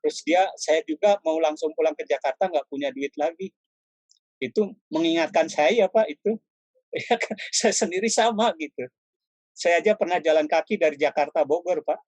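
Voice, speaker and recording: A man's voice: a little high, normal speed, a little mellow, no echo. A middle-aged man, a painter and art lecturer, telling stories from his life in a casual interview, laughing often and calling his listener "Pak" every few words. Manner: addresses the listener as "Pak" constantly, with frequent apologies.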